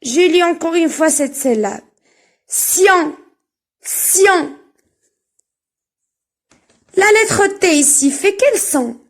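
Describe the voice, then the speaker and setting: A woman teaching a reading lesson, speaking slowly and spelling out sounds and syllables one at a time with careful enunciation. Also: extremely high pitch, expressive.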